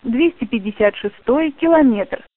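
A woman's slightly high voice names each station over a train intercom. The sound is thin and phone-like, dry and close. Her delivery is clear, formal and measured. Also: lively intonation, dry recording. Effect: played over a train intercom. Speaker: station name announcer. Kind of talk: prerecorded station name readouts.

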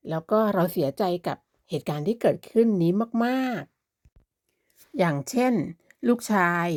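A woman's voice: fairly low pitch, darkish tone, dry recording, studio quality. A woman teaching a beginners' language lesson, explaining politely and patiently and drawing out each example word. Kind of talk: slow beginner lesson narration.

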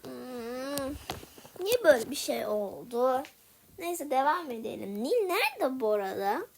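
A young woman who makes gaming videos chats with her viewers while playing and grows frustrated at a hard level. Her voice is high-pitched and creaky, with slight background noise.

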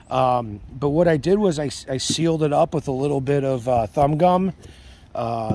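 A man's voice: mid-range voice, slight background noise. A middle-aged man, an air conditioning technician, casually explaining an RV repair while filming with his phone on the roof outdoors. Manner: relaxed, chatty, many ums and uhs. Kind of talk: casual how-to vlog. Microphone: handheld phone camera.

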